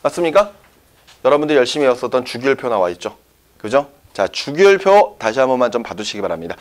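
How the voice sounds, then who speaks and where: Lively male science teacher lecturing. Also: medium pitch, fast talker. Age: young adult. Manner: lively, checks often with students. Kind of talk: classroom lecture.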